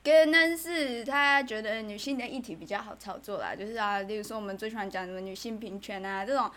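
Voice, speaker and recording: A woman's voice: mid-range voice, fast talker, pushed and bright. A woman speaking Taiwanese Mandarin with an affected Japanese lilt, chatting in a joking, teasing way as a podcast guest. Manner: playful, teasing. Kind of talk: casual joking podcast chat.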